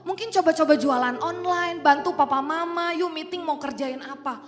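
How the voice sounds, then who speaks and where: A woman preaching an animated, playful online youth sermon. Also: high voice, normal speed. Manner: animated, playful, mixes in English phrases. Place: online church service in a large hall. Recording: reverberant hall with faint music.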